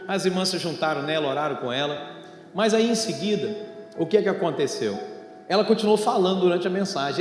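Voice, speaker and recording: A Brazilian pastor with a fairly high voice preaches an evangelical sermon in a church hall over a sound system, weaving in stories and Bible reading. He teaches didactically, putting rhetorical questions to the congregation and addressing them directly. The big hall has long reverb, and an instrument plays music behind him.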